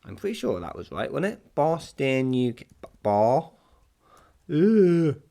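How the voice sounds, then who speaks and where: A man's voice: mid-range voice, moderate pace, vocal fry. A man hosting a casual podcast, rambling and joking, often correcting himself. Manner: animated, jokey, self-correcting. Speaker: podcast host.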